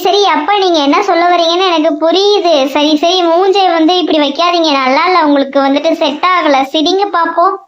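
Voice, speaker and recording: A woman's voice: very high-pitched, a bit bright. A woman voicing a young boy who presses his father with hurt, insistent questions, in a cartoon. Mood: coaxing. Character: young boy Somu, hurt and stubborn son. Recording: dull lo-fi sound.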